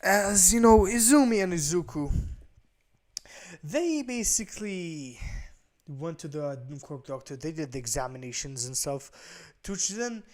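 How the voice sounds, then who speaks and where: Rambling man telling a story, higher voice. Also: lively intonation, measured pace, a little mellow. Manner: rambling, with constant fillers. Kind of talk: casual improvised storytelling.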